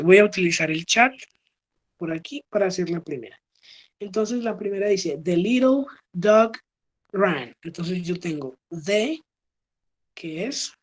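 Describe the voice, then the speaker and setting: A woman's voice: medium pitch, dark tone, low-quality recording. A woman teaching English in an online class. She explains patiently, mixes Spanish with English examples, and checks in often with "¿sí?" and "¿ok?". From Colombia. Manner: switches between Spanish and English. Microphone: video call.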